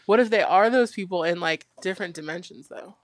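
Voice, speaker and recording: A man's voice: high-pitched, brisk, no echo, studio quality. A man co-hosting a casual podcast chat, jumping in eagerly and explaining things in a chatty way. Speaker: podcast co-host.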